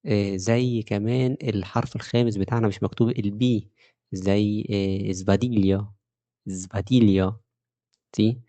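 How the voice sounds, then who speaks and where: A man with an Egyptian Arabic accent teaching Italian pronunciation, explaining rules step by step and repeating example words slowly. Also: lowish voice, steady tone, dark tone, no room sound. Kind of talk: pronunciation lesson.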